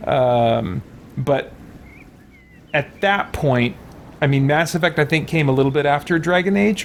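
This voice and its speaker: There's slight background noise as a medium-pitched man hosts a let's play stream. He keeps up a conversational, wandering commentary on the game, thinking out loud and answering what viewers write in chat.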